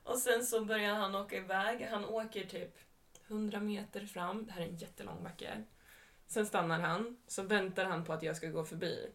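A woman's voice: medium pitch, steady tone. A young woman telling a story in casual podcast chat, with a chatty manner and dialogue retold. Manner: retells events in a chatty way with quoted dialogue. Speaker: podcast co-host.

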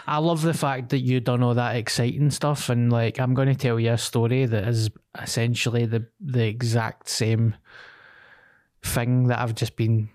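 A man's voice: mid-range voice, little pitch movement, normal speed, a little mellow. A man with a Glaswegian accent, co-hosting a podcast and casually telling sweary anecdotes in slang, drawing the story out. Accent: Glaswegian Scottish. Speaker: podcast co-host.

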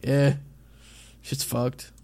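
A man's voice: very slow, dark tone. A young man talking like a frat bro, casually recounting things with slang and heavy swearing. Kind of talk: casual chat.

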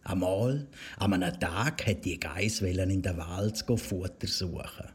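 A man with a Swiss German accent narrating a fairy tale for children in a gentle storytelling manner. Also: low voice, measured pace, slightly rough.

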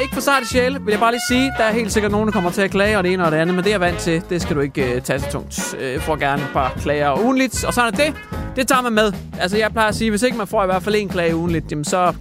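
A man hosting a satirical comedy radio segment, rambling mock-seriously with lots of fillers. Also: sits high. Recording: music playing behind.

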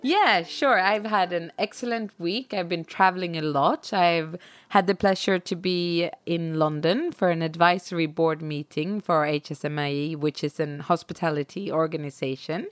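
A woman from Sweden, slightly hoarse from a cold, co-hosting a podcast in upbeat casual chat. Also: lowish voice, normal speed, dry recording. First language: Swedish. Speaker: podcast co-host. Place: in Stockholm, remote call.

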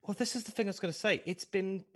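A man's voice: high voice, quick pace, a bit bright, no echo, studio quality. A man co-hosting a podcast in casual chat, rambling and cynical with self-deprecating asides. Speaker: podcast co-host.

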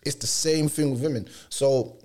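A man's voice: medium pitch, moderate pace, a little mellow. A young man with a London accent and roadman slang, chatting casually as a podcast host. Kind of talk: casual chat.

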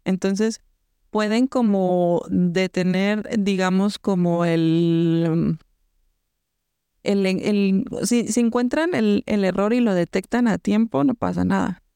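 A Mexican woman co-hosting a podcast, telling a story in casual chat with lots of slang and an animated manner. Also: medium pitch, slow, gravelly, clear, resonant tone, no room sound, studio quality. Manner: animated, slangy, acts out voices in anecdotes. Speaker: podcast co-host.

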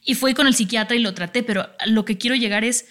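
Fast-talking woman sharing a story. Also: fairly high pitch, fairly bright tone. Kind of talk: casual conversation.

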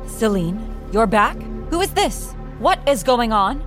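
A woman's voice: a little high, big pitch swings, unhurried, music in the background, voice pushed down. Woman doing a bossy mean aunt. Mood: suspicious. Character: harsh bossy middle-aged aunt.

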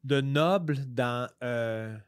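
A man with a Québécois accent chatting casually as a comedian guest on a podcast, rambling with many halting restarts. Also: medium pitch, smooth, no echo, studio quality.

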